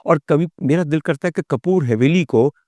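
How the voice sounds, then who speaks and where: A man with a Pakistani accent hosts a vlog, telling the story of film history in a theatrical, formal monologue full of rhetorical questions and formal addresses to his audience, with English phrases mixed in. His voice is a little high and mellow, at a moderate pace, with no echo.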